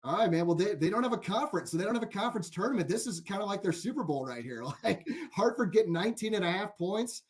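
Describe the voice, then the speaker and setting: A man's voice: sits high, lively intonation, fast talker, few pauses. A man co-hosting a sports betting podcast, chatting loosely and laughing easily. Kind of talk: casual podcast chat.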